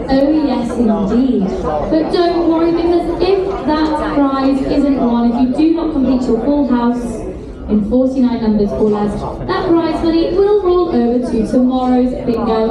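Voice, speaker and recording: A woman working as a bingo caller, explaining the game to players and repeating key phrases. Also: high voice. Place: large cruise ship lounge, over PA. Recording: echoey public lounge, distant, crowd noise.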